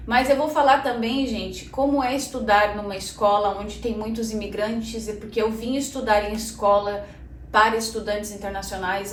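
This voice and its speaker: Echo, faint noise and an off-mic, distant sound frame this fairly high female voice. She's a Brazilian in her thirties hosting a relaxed vlog in Portuguese, chatting directly with viewers, whom she calls "gente", with frequent "né".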